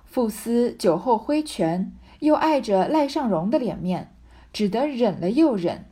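A woman narrating a classic novel in a measured storytelling way. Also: a little high, lively intonation, warm tone, breathy edge. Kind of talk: audiobook reading of a classic novel.

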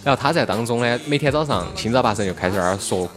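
A Sichuan-accented talk show host speaks rapid-fire in a mid-range voice with lively intonation. Reminiscing about local radio and music in a casual chat, he tells stories in colloquial dialect and uses rhetorical questions, with background music playing throughout.

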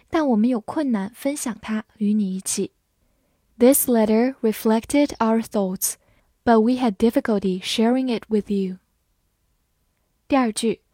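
A woman teaching English vocabulary, reading each word twice with its meanings in a measured scripted lesson. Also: a little high, warm tone, dry recording, studio quality. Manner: reads each word twice, then part of speech and meaning.

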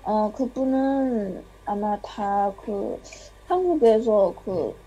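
A woman's voice: mid-range voice, extremely slow, warm tone, husky, muffled recording. A young woman from China speaking Korean with a Chinese accent as an interview guest, hesitant and self-deprecating in casual chat. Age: young adult.

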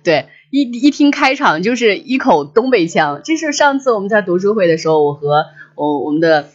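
A woman's voice: medium pitch, very animated, moderate pace, lo-fi sound, soft background music. A woman hosting a livestream, chatting casually and reflectively and often restating her phrases. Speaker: livestream host. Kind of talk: casual reflective chat with listeners.

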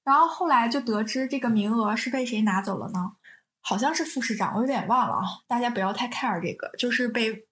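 A woman's voice: on the high side, brisk, fairly bright tone. A young woman who casually retells the plot of a TV drama, rambling, correcting herself and laughing.

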